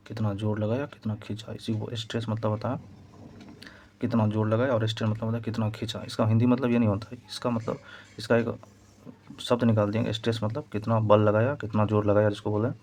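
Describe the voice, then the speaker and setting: Low, flat-voiced man teaching physics. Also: fast, slight background noise. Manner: repetitive, explaining step by step while writing. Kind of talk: exam-prep physics lesson.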